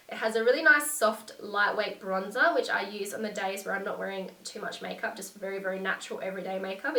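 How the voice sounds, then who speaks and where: This beauty vlogger, a young woman, sits well back from the mic in an echoey room while she cheerfully reviews her go-to products for the camera. Her medium-pitched voice is bright but nasal and blocked from a lingering cold, and her enthusiasm is gushing.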